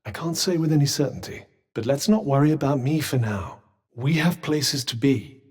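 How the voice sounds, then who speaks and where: The game's sentient cuff companion is given a calm, dry delivery by a British actor whose slightly rough, somewhat mellow voice runs a little high. He speaks expressively at a moderate pace, formal, witty and protective as he advises, with long reverb on the recording.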